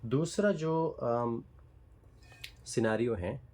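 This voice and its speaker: Heard on a low-quality recording, a man with a medium-pitched, darkish voice explains English grammar in Hindi. He goes slowly and deliberately, spelling English example sentences out word by word amid pauses and fillers. His manner is patient and explanatory, and he checks in to make sure the listener follows.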